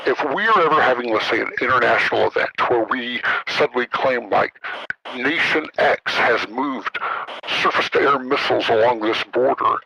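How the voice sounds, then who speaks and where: A man's voice: medium pitch, gravelly, bright, forceful tone, breathy edge, low-quality recording. A man speaking through a voice alteration that disguises his identity, a former military official talking carefully and hesitantly, with many ums and uhs, in a podcast interview.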